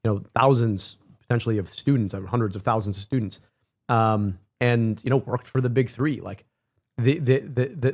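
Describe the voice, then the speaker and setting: Quick-talking guy from michigan riffing on a clip, animated, keeps repeating himself when he gets fired up. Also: fairly low pitch. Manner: animated, emphatic, repeats words when excited. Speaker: stream co-host reacting to clips. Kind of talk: casual reaction commentary.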